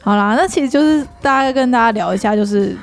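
A woman chats through a casual podcast about Japanese vocabulary. Her voice sits a little high, and she talks loosely and laughs a lot. Faint music runs underneath. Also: quick pace. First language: Mandarin. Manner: chatty, laughs often, repeats words while thinking. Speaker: podcast co-host.

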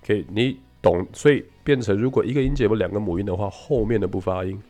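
A man's voice: fairly low pitch, fast, a little mellow, soft background music. A man teaching English phonics in Mandarin with a Taiwanese accent, explaining rules through a little story and mixing English words into his speech. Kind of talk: casual spoken English lesson.

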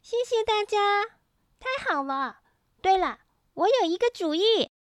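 A high, sulky little boy rabbit from a storybook, as a woman reads him out. His voice leaps and swoops as he complains, whiny and close to tears, and the reading is dry and close. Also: expressive, moderate pace, no room sound. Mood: happy. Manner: whiny, tearful outbursts. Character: upset young boy rabbit, feels unloved.

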